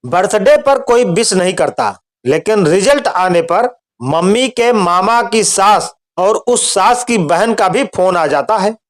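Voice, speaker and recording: A man reading out a string of short jokes in a steady storytelling voice. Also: high-pitched, slow pace.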